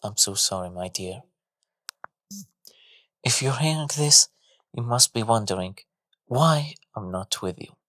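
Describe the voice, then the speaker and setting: A man's voice: on the low side, expressive, unhurried, pauses often, fairly bright tone, dry recording, clean studio sound. A man voicing a grieving father whose voice cracks with emotion, speaking tenderly. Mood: heartbroken. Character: grieving, loving father on the run.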